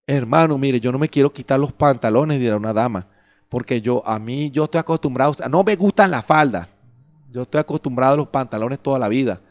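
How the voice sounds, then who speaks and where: Standing on a church stage before a curtain, a middle-aged man preaches a sermon into a handheld mic. His mid-range voice moves fairly quickly as he fires rhetorical questions at the congregation and acts out their excuses.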